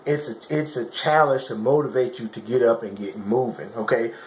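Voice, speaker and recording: A man's voice: medium pitch, normal speed. A man giving casual motivational fitness advice to camera in colloquial, informal phrasing, emphatic and repetitive, often checking that listeners understand. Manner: emphatic, repetitive coaching with frequent check-in questions. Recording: roomy, echoing sound.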